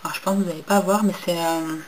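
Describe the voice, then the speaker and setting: A woman's voice: lowish voice, steady tone, fast talker, a little hiss or hum, rough recording. Chatty young woman reviewing makeup. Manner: hesitant, many fillers and restarts; enthusiastic about packaging. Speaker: beauty vlogger. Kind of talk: casual haul review.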